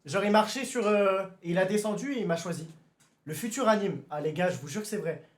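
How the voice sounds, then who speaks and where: A young man streaming live, chatting casually with his viewers, excitable and given to sudden shouted exclamations before calming down again. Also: sits high, a little fast. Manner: excitable, bursts into shouted exclamations then calms down. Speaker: livestreamer. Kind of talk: casual livestream chat with viewers.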